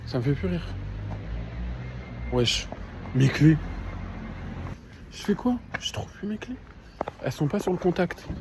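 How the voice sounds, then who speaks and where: His voice sits a little high and sounds animated, though he speaks a bit slowly and pauses often, with noise behind him. The man, in his twenties, is ranting and swearing crudely in a casual vlog, driving and then walking outdoors, recorded on a handheld phone camera.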